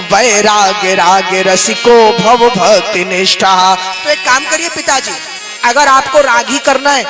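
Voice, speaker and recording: A man preaching a devotional sermon to a live audience, shifting from talk into slow, melodic chanting of Sanskrit verses and asking the listeners questions. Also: very high voice. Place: hall with a seated audience.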